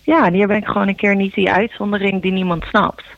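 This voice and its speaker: A woman, a musician guest, talking earnestly and reflectively in halting phrases, heard over a phone line in a radio interview. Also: mid-range voice, fairly even intonation, gravelly, no room sound. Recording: dull dry phone line.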